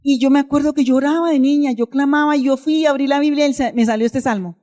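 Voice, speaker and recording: Woman pastor preaching with personal testimony. Mellow, a little high, emotional and conversational. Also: steady tone, fast talker. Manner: emotional, conversational, addresses the congregation directly.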